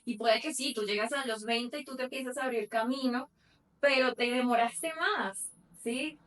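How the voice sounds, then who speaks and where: A woman's voice: a little high, moderate pace, fairly bright tone, recorded from a distance. A woman in her thirties co-hosting a podcast, talking in a reflective, earnest way and correcting herself as she goes. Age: 30s. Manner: reflective, earnest, talks at length with self-corrections. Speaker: podcast co-host. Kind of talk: casual chat.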